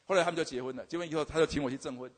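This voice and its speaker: Older guy, teacher telling funny church testimony, talks super fast, high voice, keeps stumbling and saying ok, big reverby hall. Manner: stammering repetitions, frequent "OK" fillers. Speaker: university teacher giving a testimony. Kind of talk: humorous testimony storytelling.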